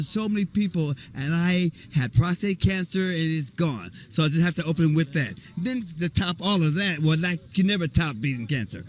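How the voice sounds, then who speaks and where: Man, actor, rambling and excited, slightly high voice, faint background noise. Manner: excited, rambling, spells things out. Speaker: actor guest. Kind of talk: casual street interview. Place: outdoor volunteer event.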